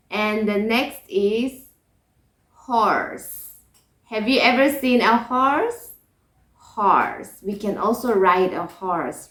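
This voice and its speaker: Woman teacher, kids' English lesson. Slow, patient, repeats words, keeps asking "okay?". Echoey room. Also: medium pitch, a bit bright.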